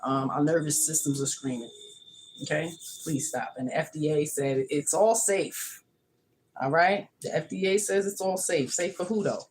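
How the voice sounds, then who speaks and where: A woman's voice: low voice, normal speed, darkish tone, a little hiss or hum, poor audio. A woman from the United States hosting a casual livestream from her home kitchen, talking emphatically and repeating her points. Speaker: livestream host.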